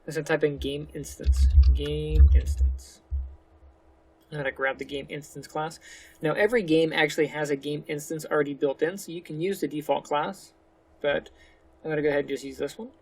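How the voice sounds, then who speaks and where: A man hosting a casual screen-recorded game development tutorial, his voice gravelly and pitched a touch high. He speaks relaxed and a little slurred, talking through each click with easy fillers. He sounds close to a desktop mic. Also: fast talker. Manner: relaxed, slightly slurred speech; talks through each step with fillers like "go ahead".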